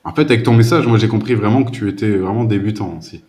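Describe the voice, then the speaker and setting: A man's voice: lowish voice, fast, darkish tone, slight background noise. A man tutoring in a casual conversation lesson, talking hesitantly with restarts. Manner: hesitant, many fillers and restarts. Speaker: language tutor.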